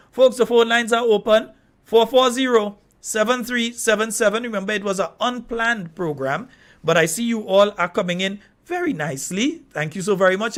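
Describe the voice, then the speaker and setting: A high-pitched man from Trinidad who speaks. He hosts a call-in radio show. His commentary is animated and indignant, and he breaks into laughing asides. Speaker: radio talk show host.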